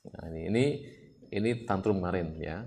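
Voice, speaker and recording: A man, giving an evening Islamic study talk in a lively, storytelling way. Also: low voice, fairly quick, a little hiss or hum. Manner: animated, acts out scenes with sudden loud outbursts. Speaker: Islamic preacher.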